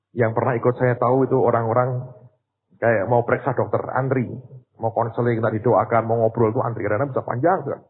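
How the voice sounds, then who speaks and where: A man preaching a sermon in with a tinge, telling a story and swinging between hushed asides and loud cries. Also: medium pitch, husky. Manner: animated, swings from quiet to loud cries, addresses audience as "saudara". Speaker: pastor. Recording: tinny lo-fi recording in a reverberant hall.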